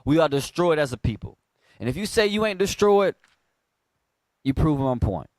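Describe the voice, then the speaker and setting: A man teaching a Bible class in a preaching style, prompting a reader with call and response and swinging from quiet low asides to loud emphatic bursts. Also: big pitch swings, moderate pace, dry recording.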